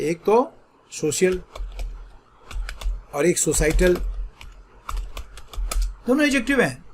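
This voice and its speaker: A man's voice: high voice, gravelly, slight background noise. A middle-aged man teaching an online exam-prep vocabulary lesson, explaining patiently and mixing English terms into Hindi with frequent check-ins to his students.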